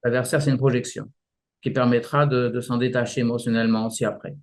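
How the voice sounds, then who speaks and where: A man explaining martial arts practice in a relaxed interview, often restarting his sentences and using images. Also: medium pitch, fast talker. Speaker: martial arts teacher, guest.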